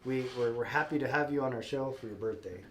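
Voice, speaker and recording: Stuffed up with a cold, a man hosts a live sale and talks quickly in a mid-range voice. His casual stream chat is friendly and rambling, peppered with fillers and restarts.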